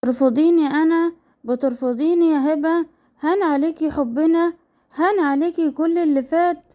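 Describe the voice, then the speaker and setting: Woman voicing a menacing, obsessed young man kidnapper, Egyptian Arabic accent, high-pitched, dark-toned, storybook narration. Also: brisk, natural voice. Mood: accusing. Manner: menacing, accusing.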